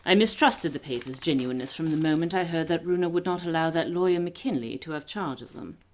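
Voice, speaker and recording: A woman playing a shrewd, poised lady detective in a radio play, brisk, wry and self-assured. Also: low voice, animated. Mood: wry, confiding.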